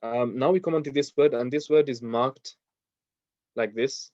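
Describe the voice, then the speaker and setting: A man at an ordinary middle pitch teaches a beginners' pronunciation class, patient and methodical. He breaks each sound down step by step and fills his pauses with ums and uhs. The recording is dry and slightly dull. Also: a little mellow, dry recording. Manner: patient, explains step by step with many fillers. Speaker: Quran recitation teacher.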